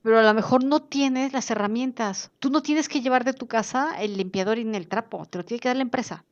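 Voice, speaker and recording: A woman, teaching an online class in a lively way and acting out the people she quotes. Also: fairly high pitch, brisk. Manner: lively, acts out quoted speakers in changed voices. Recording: dull lo-fi sound.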